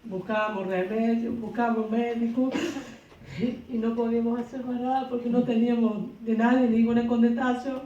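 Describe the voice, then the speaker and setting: A middle-aged woman with an Argentine accent giving a personal religious testimony, halting and repeating herself as she retells events. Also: a little high, flat delivery, dark tone. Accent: Argentine Spanish. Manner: halting, repetitive retelling with restarts. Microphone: far from the microphone. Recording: dull, distant, very echoey hall.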